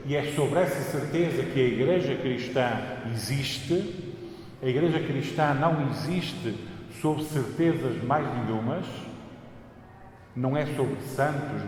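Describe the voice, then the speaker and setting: A man's voice: mid-range voice, darkish tone. A man with a European Portuguese accent preaching a sermon emphatically, repeating phrases for stress, in a large church with cathedral echo. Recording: cathedral-like echo, long reverb, faint noise.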